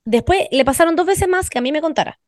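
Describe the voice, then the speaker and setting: A young adult woman with a Chilean accent hosting a podcast, telling stories in animated slangy casual chat with plenty of swearing. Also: sits high, fast talker, no echo, clean studio sound. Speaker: podcast host.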